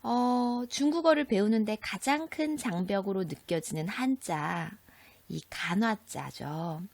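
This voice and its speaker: A woman high school teacher giving a recorded textbook lesson, explaining slowly and clearly and asking her students questions. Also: lively intonation, darkish tone, dry recording.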